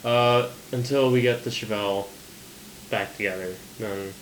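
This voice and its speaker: A man's voice: on the low side, steady tone, measured pace. A man who is a podcast guest, chatting casually and hesitantly with many fillers. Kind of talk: casual chat about car restoration. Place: room shared with several people. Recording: roomy echo with faint noise.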